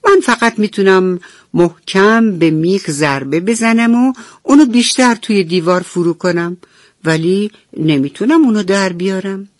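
A woman's voice: mid-range voice, no echo, studio quality, voice pushed up, natural voice. A woman voicing a blunt, helpful hammer that speaks in a matter-of-fact way in a radio bedtime story. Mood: plain.

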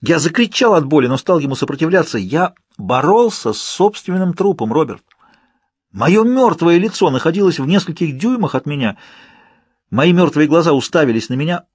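A man narrating an audiobook in the first person, with steady, measured storytelling. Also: a little high, breathy edge, dry recording, clean studio sound.

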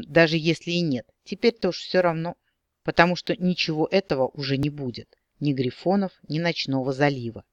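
A man narrating an audiobook in a measured, expressive reading. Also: fairly high pitch, no echo, highs cut off.

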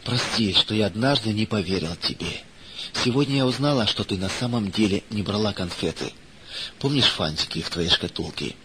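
Gentle tearful matron in a storybook, read by a man in his own voice, hushed and low. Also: normal speed, a little hiss or hum, low-quality recording. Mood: tender, remorseful. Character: kind middle-aged woman orphanage head.

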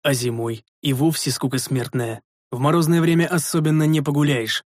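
A man narrating a first-person fantasy story in a measured, expressive way. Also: on the high side, no room sound, clean studio sound. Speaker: audiobook narrator.

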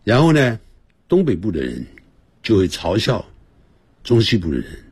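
A man teaching an English lesson on the radio. He explains grammar patiently and sounds words out slowly, several times over, to show how they should be said. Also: fairly low pitch, wildly swooping pitch, a little mellow, slightly rough, no room sound. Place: radio studio.

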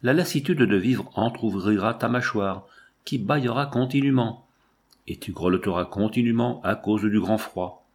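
A man's voice: on the low side, moderate pace, breathy edge. Man reading as an anguished woman mourning time. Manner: mournful, impassioned recitation. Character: anguished woman lamenting aging and death.

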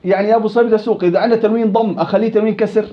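A man's voice: high-pitched, steady tone, racing, lo-fi sound. A man with a Levantine Arabic accent teaching a tajweed lesson, quizzing his students and repeating words to drill them. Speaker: Quran recitation teacher.

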